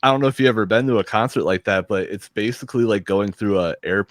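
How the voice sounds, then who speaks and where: A man's voice: fairly low pitch, quick pace, no room sound, studio quality. A man hosting a podcast, chatting in a laid-back way with frequent chuckles and short replies. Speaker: podcast host. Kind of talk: casual chat.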